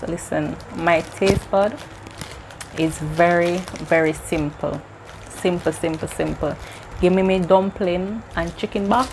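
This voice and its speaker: A Jamaican woman co-hosting a casual food-tasting chat, playful and teasing, often loud and joking. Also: lowish voice, steady tone, a little slow, noisy background. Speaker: co-host.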